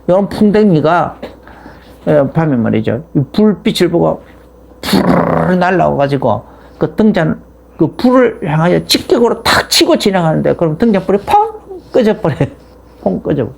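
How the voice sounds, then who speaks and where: A middle-aged male pastor preaches through loose, conversational storytelling and often restarts his sentences. There's a gravelly edge to his voice, and his pitch swings widely and expressively, leaping up and dropping back.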